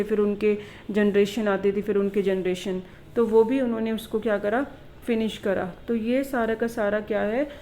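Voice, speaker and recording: Woman teacher explaining slowly in Hindi. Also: medium pitch, darkish tone, poor audio. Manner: explains in Hindi mixed with English, reads questions slowly. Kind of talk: exam revision lesson.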